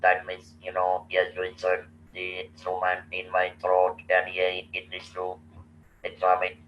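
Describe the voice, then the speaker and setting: As a guest, a man in his sixties from India tells a personal story slowly, in a low, unvaried monotone. His pace is deliberate, broken by hesitations and restarts. The recording feels roomy and far away, muffled, with a trace of noise.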